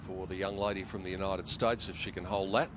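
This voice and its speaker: A man commentating live on golf for television, with measured, dramatic storytelling phrasing. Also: low voice, level tone. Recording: music and crowd noise behind. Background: music and outdoor tournament crowd.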